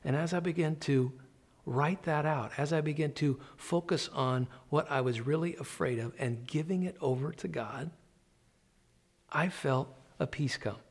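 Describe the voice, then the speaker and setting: A man in his fifties, a pastor, preaching a sermon in an earnest, conversational way and slowing down to stress key lines. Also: fairly high pitch. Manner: earnest, conversational preaching with slow emphatic pauses. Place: indoor church office set.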